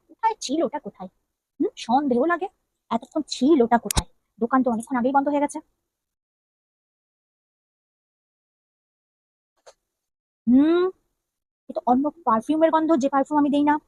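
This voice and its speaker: A woman's voice: sits high, no echo. A woman acting a jealous, nagging young wife in a comedy skit, firing off scolding questions. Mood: suspicious. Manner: scolding, interrogating with rapid questions.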